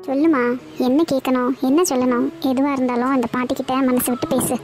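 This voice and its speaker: A woman's voice: high-pitched, level tone, fast talker, darkish tone, soft background music, close to an everyday voice. A woman voicing a caring old grandmother in a cartoon, who speaks soothingly. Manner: soothing, reassuring.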